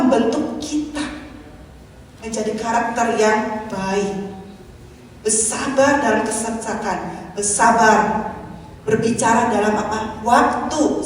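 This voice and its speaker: Lively woman preaching in echoey hall. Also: a little high, recorded from a distance, slight background noise. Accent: Indonesian. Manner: lively, swings loud and soft, acts out quoted voices. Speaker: evangelist preacher. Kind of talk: sermon. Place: large church hall.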